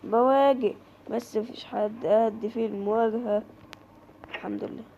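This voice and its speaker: An Egyptian woman talks her viewers through a horror game in a chatty, jumpy way. Her voice sits high. The recording is a little dull, with a faint hiss underneath. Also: steady tone, normal speed, gravelly, warm tone. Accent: Egyptian Arabic. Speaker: gaming creator. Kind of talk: horror game let's play commentary.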